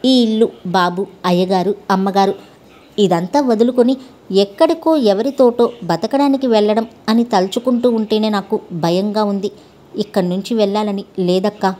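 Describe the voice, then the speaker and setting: A woman's voice: mid-range voice, normal speed, warm tone, lightly acted. A woman reading a storybook voice for a shy young housemaid who speaks timidly about her worries. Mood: anxious. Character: shy young village housemaid, anxious bride-to-be.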